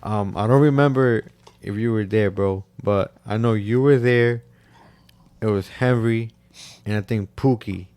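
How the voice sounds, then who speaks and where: A man's voice: on the low side, a little slow, a little mellow, no room sound. A young man co-hosting a podcast, telling a story in slang, full of "like" and "bro". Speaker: podcast co-host. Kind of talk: casual chat.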